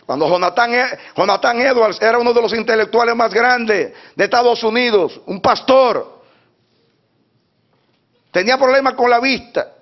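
A man preaches to his congregation in a high voice, dropping to a hush and then rising to a shout. He hammers points home by repeating words over and over. The recording sounds dull and lo-fi. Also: moderate pace. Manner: swings from hushed talk to shouted preaching. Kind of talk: sermon.

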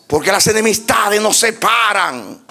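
A man preaching a sermon to his church, dramatic, moving from shouting to hushed near-whispers. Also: sits high, animated, unhurried, faint music behind.

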